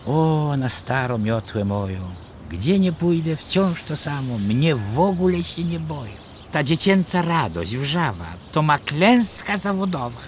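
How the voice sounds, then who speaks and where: A man voicing a boastful but soft-hearted old female witch with a screechy, theatrical voice. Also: fairly high pitch, big pitch swings, measured pace, slight background noise, pitched above the performer's own voice. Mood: exasperated. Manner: exaggerated, sing-song theatrical delivery. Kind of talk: storybook voice acting in verse.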